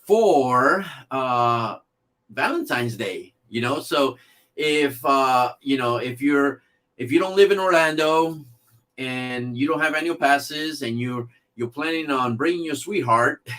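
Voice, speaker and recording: A male livestream host chatting casually to his viewers. His voice sits at an ordinary middle pitch, and he rambles through thoughts with frequent fillers and self-corrections. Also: fairly bright tone. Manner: rambling, many fillers and restarts.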